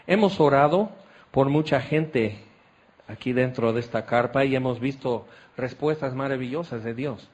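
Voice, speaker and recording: A man's voice: mid-range voice, normal speed, a little mellow. A man preaching a sermon at a tent meeting. He tells the scenes dramatically, acting them out with exclamations.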